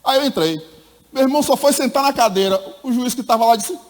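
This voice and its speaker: High-pitched middle-aged guy telling his church testimony, acts out everyone, echoey church hall. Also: brisk. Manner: animated storytelling, acts out the people in his story, calls listeners "my brother". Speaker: church speaker giving a testimony. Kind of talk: personal testimony at a church meeting. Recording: long reverb of a church hall.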